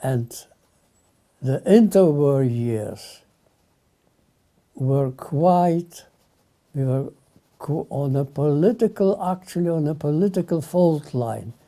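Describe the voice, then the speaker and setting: Slow, dark-voiced older man. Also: a little high, lively intonation. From Lithuania. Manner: solemn, short halting phrases. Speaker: speaker giving testimony. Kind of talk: measured spoken testimony.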